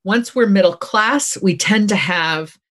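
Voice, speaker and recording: A middle-aged woman, an author and former dean, answering interview questions in a lively, encouraging way, acting out little quoted voices and often checking in with "okay?". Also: medium pitch, a little slow.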